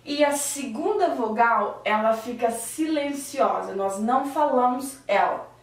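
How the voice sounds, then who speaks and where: A woman teaching English vowel sounds, repeating each word slowly to drill the pronunciation. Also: a little high, expressive. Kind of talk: slow classroom-style vowel lesson. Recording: roomy echo, voice a bit far from the mic.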